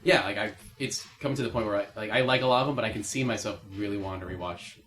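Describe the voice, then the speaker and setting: A man on a podcast panel, chatting casually and getting excited as he tells a story. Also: fairly low pitch, fast. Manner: excitable storyteller who builds up to shouting. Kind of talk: casual chat.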